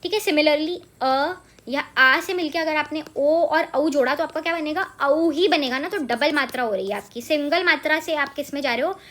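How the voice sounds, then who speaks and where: High-voiced woman teaching a grammar lesson. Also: moderate pace, few pauses, fairly bright tone. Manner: mixes English into Hindi, checks in often with rhetorical questions. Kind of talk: exam-prep grammar lesson.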